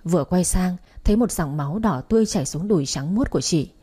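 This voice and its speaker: Dark, husky woman narrating a story. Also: on the low side, lively intonation, fast. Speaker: audiobook narrator.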